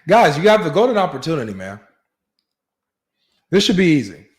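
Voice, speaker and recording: A man's voice: on the high side, sing-song, moderate pace. A man hosting a live online debate stream, chatty and teasing, slipping into a hyped announcer voice. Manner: playful, teasing, announcer-like hype. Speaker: livestream debate host. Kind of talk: casual live debate chat.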